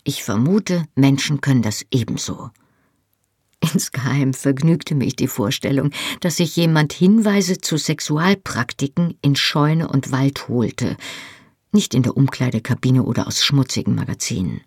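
Gravelly, breathy audiobook narrator. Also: medium pitch, expressive, a little slow, a little mellow, no room sound, studio quality. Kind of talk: scripted narration.

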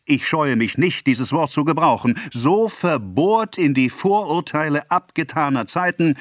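A man voicing a pompous male government official, declaiming a speech slowly and loudly in an audiobook reading. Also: fairly high pitch, dry recording, clean studio sound, pitched above the performer's own voice. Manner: declaiming, slow and loud.

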